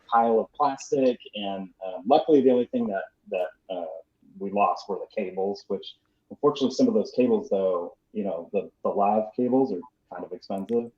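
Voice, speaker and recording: Low-voiced male guest on dull lo-fi audio. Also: darkish tone. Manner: easygoing storytelling with fillers. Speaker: guest sound recordist. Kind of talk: casual anecdote.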